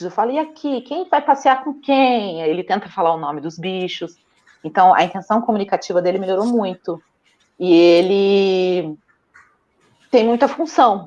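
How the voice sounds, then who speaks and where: On a lo-fi recording, a young woman from Brazil speaks in a lowish voice with a Brazilian Portuguese accent. As a mother chatting informally in an interview, she tells stories animatedly and laughs frequently.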